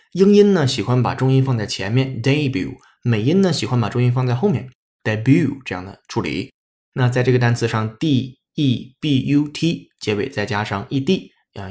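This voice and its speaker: A man's voice: mid-range voice, a little mellow. A man teaching English on a podcast, explaining sentences patiently with frequent "ah" and "uh" fillers.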